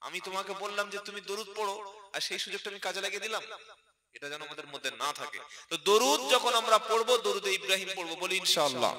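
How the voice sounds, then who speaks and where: A man's voice: fairly high pitch, pushed and bright, echoey room. A man from West Bengal preaching a sermon to a gathering, moving between chanted Arabic verses and conversational asides to the crowd. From India. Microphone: PA microphone.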